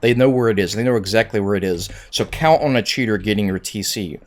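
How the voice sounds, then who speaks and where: A man with a fairly low voice walks through game strategy in a casual tutorial style. He talks conversationally and leans on key points, repeating them for emphasis. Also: fast. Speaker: gaming tutorial creator.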